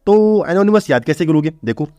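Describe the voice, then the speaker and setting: A man's voice: a little high, lively intonation, moderate pace, warm tone, no room sound, clean studio sound. A man teaching English vocabulary for exams in a casual way, asking questions and answering them himself. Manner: explains step by step, asks and answers own questions; informal, addresses students as bhai. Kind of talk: exam-prep vocabulary lesson.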